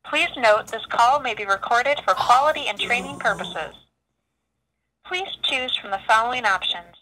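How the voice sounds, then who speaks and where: A woman's recorded phone menu message, reading scripted options in an even, formal way. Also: a little high, moderate pace, background noise. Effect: recorded phone menu message over a phone line. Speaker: automated customer line greeting.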